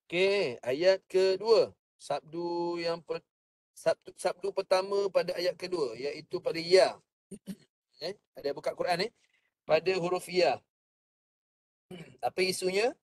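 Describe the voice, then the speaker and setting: A man teaching Quran recitation. He explains each point calmly and sings the verses in a drawn-out chant for students to copy. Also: high voice, no echo. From Malaysia. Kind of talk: slow patient recitation lesson. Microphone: online class microphone.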